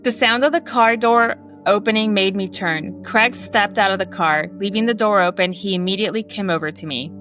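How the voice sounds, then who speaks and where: Woman horror-story reader, steady live narration, mid pitch, soft music behind. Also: a little fast, few pauses. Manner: steady narration with small self-corrections.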